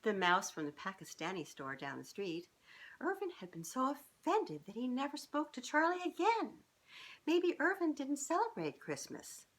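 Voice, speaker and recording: Seated on an indoor living room sofa, a woman in her fifties reads a children's storybook at a moderate pace in a high-pitched voice. Her delivery is expressive and casual, and she frequently stops to chat with the young listeners. A camera captures her from a short distance.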